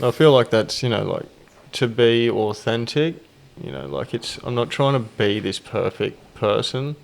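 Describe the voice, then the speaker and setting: A man with a creaky voice, hosting a podcast as a laid-back, sweary, blokey casual chat. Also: mid-range voice, animated, moderate pace. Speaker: podcast host.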